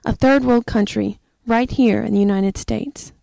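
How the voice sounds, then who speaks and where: A woman's voice: on the high side, measured pace, vocal fry, warm tone, dry recording. A woman giving a scripted documentary narration, reading evenly from a script.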